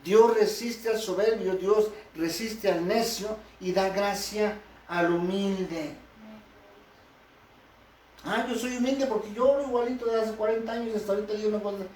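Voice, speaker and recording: High-voiced pastor preaching. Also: male voice, moderate pace, darkish tone, slight background noise. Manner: conversational preaching, rhetorical questions to the congregation. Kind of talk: sermon. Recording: echoey hall from far off.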